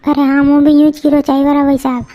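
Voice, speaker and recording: Woman playing a naggy customer dude in a cartoon, lectures a lot, high even voice, lo-fi. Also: fairly quick, close to an everyday voice. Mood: preachy. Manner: lecturing, complaining. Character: grown-up male customer, fussy and preachy.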